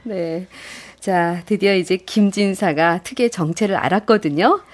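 A woman's voice: medium pitch, unhurried. A woman hosting a radio show, reading listener messages and narrating a story. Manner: friendly, reads listener messages. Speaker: radio host.

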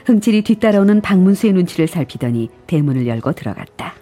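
A woman's voice: lowish voice, big pitch swings, fast, mellow, faint music behind. A woman hosting a live radio show, reading out listener messages and narrating a story.

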